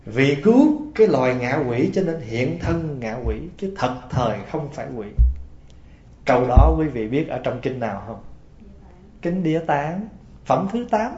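A man's voice: medium pitch, expressive, a little slow, dark tone, faint music behind. Guy preaching, tells folksy stories, roomy muffled old recording. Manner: folksy, asks the audience questions. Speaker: Buddhist preacher. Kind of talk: storytelling sermon. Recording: roomy, dull lo-fi sound.

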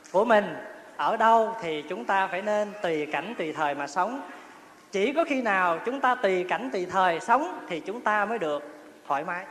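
A man's voice: high voice, a bit bright, a little hiss or hum. A male Buddhist monk, giving a chatty, humorous dharma talk and often asking his listeners questions. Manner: chatty storytelling, laughs often, asks the audience questions. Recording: roomy hall with long reverb, faint ambience.

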